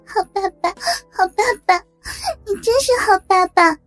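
A woman doing a sobbing, high-pitched teenage daughter. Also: fairly even intonation, normal speed, soft background music. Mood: tearful pleading. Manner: sobbing, stammering. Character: tearful pleading teenage daughter.

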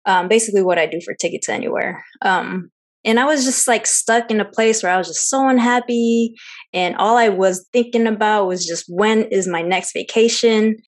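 A young Seattle woman who co-hosts a travel podcast chats casually in an interview, her voice medium-pitched and moderately paced. She uses plenty of fillers and laughs easily.

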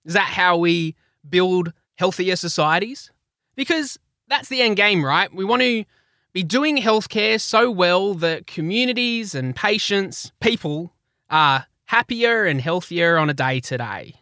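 A man's voice: high voice, animated, a little slow, bright, forceful tone, no echo, studio quality. A man hosting a podcast in a chatty, informal, chummy way. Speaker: podcast host.

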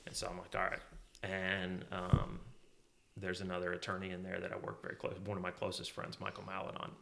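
Middle-aged guy from kansas, low gravelly voice with a bright edge, laughing at himself while he tells work stories. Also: completely flat delivery, brisk, slight background noise. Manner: self-deprecating, laughs at his own stories. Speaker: guest, chief legal officer. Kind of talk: casual conversational storytelling.

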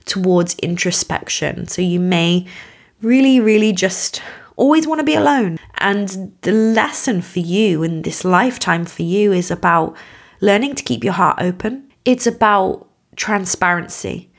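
Female podcast host, croaky voice, mid pitch, earnest emphatic delivery, reassuring spiritual guidance addressed to one listener. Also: expressive, unhurried. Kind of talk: spiritual teaching monologue to listener.

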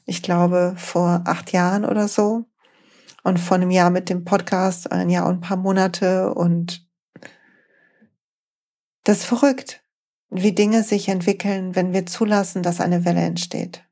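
A woman's voice: fairly low pitch, little pitch movement, a little slow, dark tone. Female podcast host, late 40s, motivational coach, speaks to listener directly, encouraging tone.

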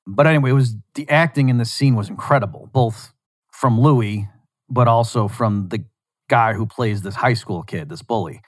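A man's voice: mid-range voice, moderate pace, no echo, studio quality. Man rambling through a story. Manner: rambling, animated, frequent restarts. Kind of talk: casual storytelling monologue.

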